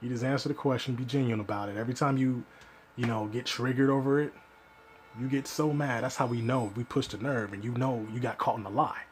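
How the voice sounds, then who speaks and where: A man's voice: mid-range voice, fairly even intonation, brisk, slight background noise. A man giving ranting reaction commentary, scolding and exasperated.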